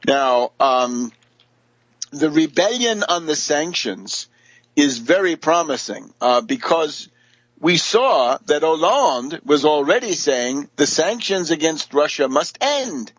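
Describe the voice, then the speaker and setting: A man's voice: on the high side, sing-song, slow, fairly bright tone, no room sound, low-quality recording. A man from the United States hosting a radio show, giving a combative, sarcastic political commentary monologue. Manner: combative, sarcastic, mocks opponents.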